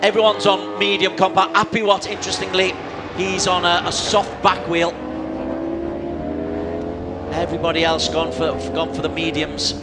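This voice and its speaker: A man's voice: high-pitched, level tone, moderate pace, pauses often, over loud music. A man working as a motorsport commentator, calling a live motorcycle race with dramatic play-by-play.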